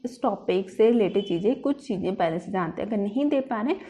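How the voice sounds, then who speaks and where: A woman teacher giving a lecture, who explains step by step and reads English phrases slowly, then restates them, with an Indian English accent. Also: medium pitch, animated, dark tone. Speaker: teacher explaining a lesson plan. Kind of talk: classroom-style lecture.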